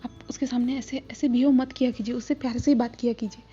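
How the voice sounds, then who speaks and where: A woman plays a composed older woman in a storybook retelling who offers calm counsel. The voice is dark, mellow and fairly flat in pitch. Soft music sits under a slightly muffled recording. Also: fast talker, breathy edge. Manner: calm, advising.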